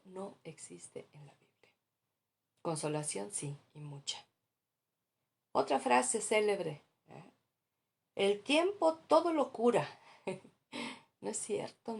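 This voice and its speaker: A woman's voice: deep voice, creaky, a little mellow, breathy edge. A woman pastor preaching a sermon in an earnest, exhorting way, at times dropping to a near-whisper.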